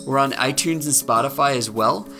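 A young man co-hosting a casual podcast from a studio, talking in a relaxed, halting way with fillers. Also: medium pitch, over music. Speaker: podcast co-host.

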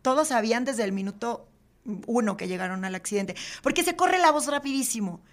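A woman, a guest in an interview, telling a personal story in an earnest, halting way with many fillers and often dropping to a quiet, subdued voice. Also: fairly high pitch, expressive. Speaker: podcast guest.

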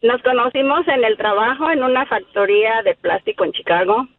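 A woman in her fifties calling in to a radio show, calmly and earnestly answering the host's questions. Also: fairly high pitch, a little fast. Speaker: caller. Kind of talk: phone-in chat. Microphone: telephone. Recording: dull phone line.

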